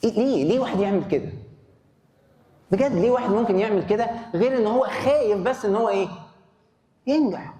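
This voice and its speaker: Animated man lecturing in an echoey hall. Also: sits high, fast talker, long pauses, crowd noise. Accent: Egyptian Arabic. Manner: animated, asks the audience questions and answers them. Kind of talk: conference talk. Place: conference hall. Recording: echoey hall, faint noise.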